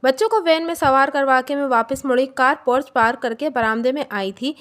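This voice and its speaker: Woman reading a family drama story out loud, high voice, steady storybook pace. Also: brisk. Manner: steady storybook reading, voicing every character. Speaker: story narrator. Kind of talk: scripted first-person story narration.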